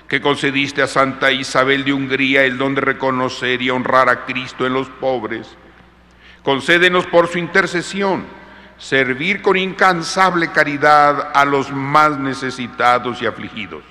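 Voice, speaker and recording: A man leading liturgical prayers at Mass as the priest, slow and solemn, his voice ringing with a cathedral echo. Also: mid-range voice, fairly even intonation, sharp tone, a little hiss or hum. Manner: slow, solemn, measured recitation. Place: large church. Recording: long church reverb with congregation.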